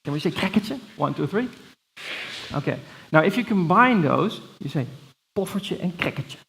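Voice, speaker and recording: Middle-aged Dutch-accented man, keynote speaker, a touch high-pitched, playful and energetic, loose with fillers. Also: normal speed, vocal fry, slight background noise, poor audio. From Netherlands. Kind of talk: conference keynote. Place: large conference hall with audience.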